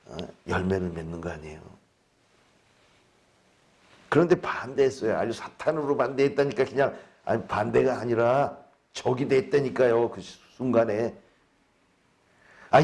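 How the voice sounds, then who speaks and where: A man's voice: medium pitch, darkish tone. A male pastor preaching a sermon in an emphatic way, asking the congregation rhetorical questions.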